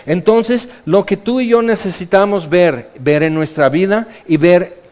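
Male preacher, slightly high voice, conversational sermon delivery with acted-out quotes; dull lo-fi recording. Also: measured pace, a little mellow.

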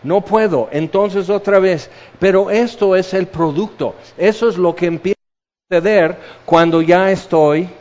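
A man's voice: high voice, a little slow, a little mellow, in a large hall. A man preaching a sermon in a conversational way, acting out the quotes he uses. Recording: dull lo-fi sound.

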